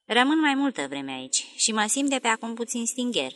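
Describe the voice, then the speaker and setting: A woman's voice: on the high side, very animated, fairly bright tone, pitched above the performer's own voice. A woman reading the lines of a tired male stranger in an audiobook, polite but insistent. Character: weary male stranger, persistent and uneasy.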